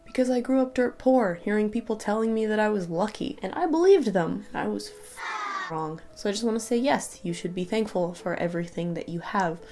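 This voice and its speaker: Tearful young woman vlogging, mellow voice. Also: medium pitch, brisk, few pauses. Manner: tearful, earnest and rambling. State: crying at times. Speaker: YouTuber. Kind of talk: emotional personal vlog.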